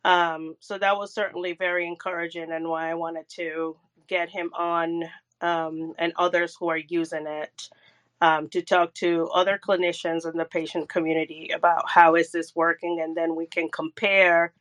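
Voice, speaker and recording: A woman giving a measured, hesitant account of a meeting in a casual online audio-room discussion. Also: on the low side, level tone, a bit bright, clean tone. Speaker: patient advocate and organizer.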